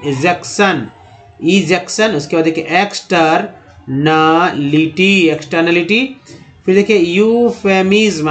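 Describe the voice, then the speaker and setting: A high-pitched young man runs a slow pronunciation lesson, sounding out English words one syllable at a time and repeating each one. Faint music plays under his voice. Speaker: English teacher.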